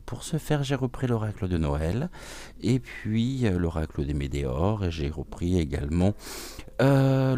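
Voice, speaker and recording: Soft-spoken deep-voiced man reading cards. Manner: hesitant, frequent filler pauses; soft, soothing, welcoming. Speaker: oracle card reader, channel host. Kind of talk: gentle morning card-reading talk.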